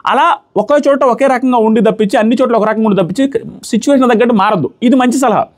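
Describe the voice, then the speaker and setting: A man's voice: very high-pitched, fast. A man reviewing a reality show in casual, analytical commentary, dropping English phrases into his talk.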